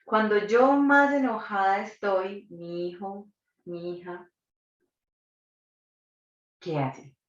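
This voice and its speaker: A woman's voice: mid-range voice, takes it slowly, long pauses. A woman, a psychologist and doula, leading a live online workshop and asking the audience reflective questions. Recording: distant, dull, roomy recording.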